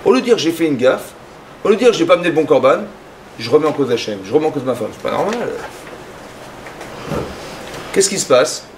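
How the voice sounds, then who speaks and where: A man giving a lively sermon as a rabbi, acting out little dialogues in his talk. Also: fairly quick, long pauses, a little hiss or hum. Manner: animated, acts out dialogues with rising pitch.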